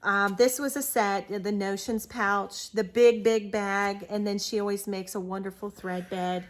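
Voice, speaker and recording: A woman's voice: mid-range voice, level tone, measured pace. A woman with an Ohio accent, co-hosting a casual stitching show, chatting enthusiastically and laughing often. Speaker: co-host of a stitching video show. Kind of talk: casual chat showing purchases.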